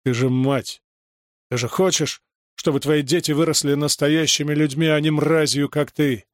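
A man reading aloud, voicing a ruthless wartime soldier in glasses who lectures in a calm, cold way. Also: a little high, moderate pace, dry recording, studio quality, lightly acted.

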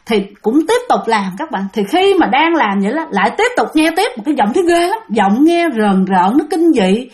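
A woman's voice: sits high, very animated, normal speed, hardly any pauses, darkish tone. A woman with a Southern Vietnamese accent telling a ghost story casually, chatting to her listeners as she goes. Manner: chatty, keeps addressing listeners.

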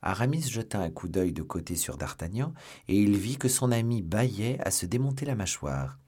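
Deep husky man reading a novel aloud. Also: very animated, moderate pace, a little mellow. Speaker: audiobook narrator. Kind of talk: scripted literary narration.

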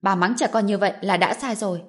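A woman's voice: medium pitch, quick pace, close to an everyday voice. Storybook nurse: a young woman, brave, firm and indignant, read by a female narrator.

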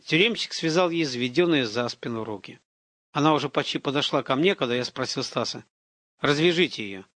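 A man's voice: mid-range voice, fairly quick, fairly bright tone, no room sound. A man narrating an audiobook in the first person, in a tense, brooding way.

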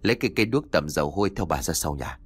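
A man's voice: extremely low pitch, expressive, racing, a bit bright, slightly rough, no room sound, pitched below the performer's own voice, exaggerated voice. A man voicing an angry, scornful wife who snaps and scolds. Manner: snapping, scornful. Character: furious, scolding woman, landlord's wife.

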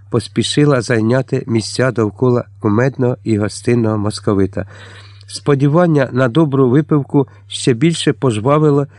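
A man reading a historical novel aloud as narrator, at a steady, measured pace. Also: medium pitch, no room sound, clean studio sound. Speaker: audiobook narrator. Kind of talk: scripted narration.

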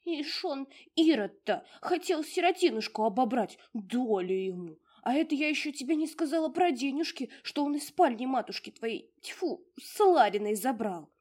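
A woman putting on a tiny old female house spirit, high and sing-song, swooping up and down as she fusses and dotes in rustic, exclamatory speech. A faint huskiness sits on the voice of this storybook granny. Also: sing-song, moderate pace, darkish tone. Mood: fussing. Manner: folksy, doting, exclamatory.

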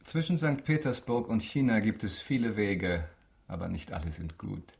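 An actor playing a wealthy, imperious count with polished, mocking irony in a German radio drama. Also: male voice, lowish voice, normal speed, gravelly, darkish tone. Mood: courteous. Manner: polished, ironic, haughty formal speech.

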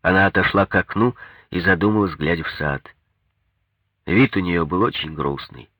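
Deep raspy guy reading a story, lively wry delivery, dry close sound. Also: normal speed, no echo. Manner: wry, conversational. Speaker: narrator. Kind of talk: first-person story reading.

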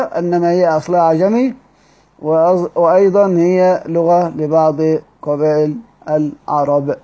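A man with an Egyptian accent teaching Quranic readings in a study-circle lecture, explaining step by step and drawing out key words slowly. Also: high voice, mellow. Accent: Egyptian Arabic. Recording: dull lo-fi recording.

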